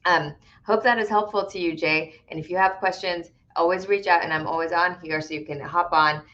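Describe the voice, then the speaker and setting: Low-pitched lady lawyer chatting through live q&a, keeps saying right?, kinda dull lo-fi sound. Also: fairly even intonation, brisk, a bit bright. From Connecticut, USA. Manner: conversational, explanatory, many "right?" tags and "um" fillers. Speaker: immigration attorney. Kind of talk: live-stream Q&A.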